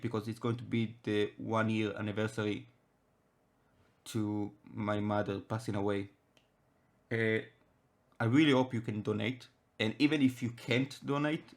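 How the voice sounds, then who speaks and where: A young Israeli man, a native Hebrew speaker with an Israeli accent, hosts a casual chat podcast and talks haltingly with many restarts. His voice is on the low side with fairly even intonation.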